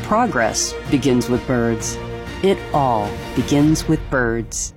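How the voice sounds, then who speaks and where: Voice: medium pitch, expressive, slow, music in the background. A commercial narrator reading a scripted nonprofit advert.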